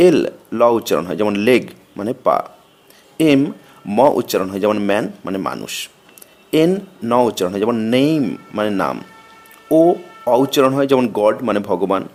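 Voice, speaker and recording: Guy reading out a grammar lesson slow and steady, bengali first language, voice bounces up and down a lot. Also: on the low side. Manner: slow, methodical recitation of letters and meanings. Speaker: teacher.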